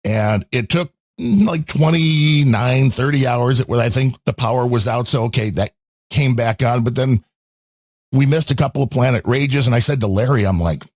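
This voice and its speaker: A man's voice: mid-range voice, normal speed, a little mellow, dry recording, clean studio sound. Chatty man telling a rambling story. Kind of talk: casual chat. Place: home in a storm-hit area.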